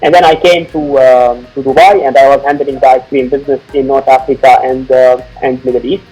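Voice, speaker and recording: A man from Lebanon, founder of a company, explaining his product in a podcast interview with a measured, filler-laden manner. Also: medium pitch, fairly even intonation, mellow, breathy edge, faint music behind, poor audio. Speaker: founder and CEO guest.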